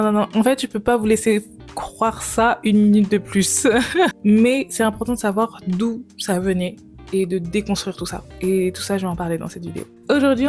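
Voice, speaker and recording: A woman's voice: medium pitch, darkish tone. A woman in her late twenties from France, talking casually to camera in a vlog. She is chatty and playful and drops English words into her talk. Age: 20s. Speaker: YouTuber.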